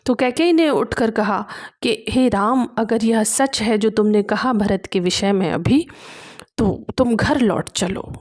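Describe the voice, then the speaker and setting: Woman, higher voice, unhurried, verse recitation, line-by-line explanation. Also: darkish tone. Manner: chants verse slowly, then paraphrases it in plain speech. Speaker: poetry explainer.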